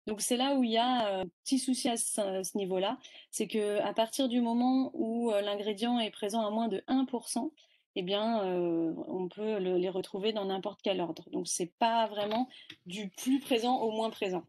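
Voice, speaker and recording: A woman's voice: mid-range voice, normal speed, a little mellow. A woman giving a webinar presentation, explaining terms step by step with frequent hesitations.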